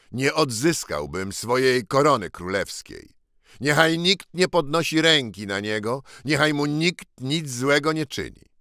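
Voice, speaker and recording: A man's voice: medium pitch, pushed and bright, no room sound, studio quality, pitched above the performer's own voice, heavily acted. A man voicing a ragged boy who is the rightful king, speaking in a proud, commanding, declamatory way.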